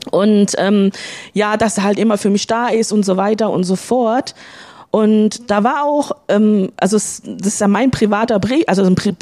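A woman telling a personal faith testimony in a spontaneous, halting way, with many fillers and restarts. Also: medium pitch, a little mellow. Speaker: church member giving a testimony.

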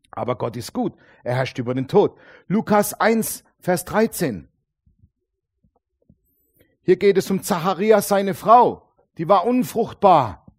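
A man preaching a sermon, emphatic, alternating loud declarations with quiet asides and drawing out key phrases slowly. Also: sits high.

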